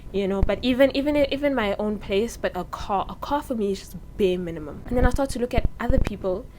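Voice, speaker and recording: Speaking quickly at a medium pitch, this early-twenties vlogger with a South African accent shares heartfelt, frank advice while sitting indoors. Background noise runs under the clip, and her personal microphone pops.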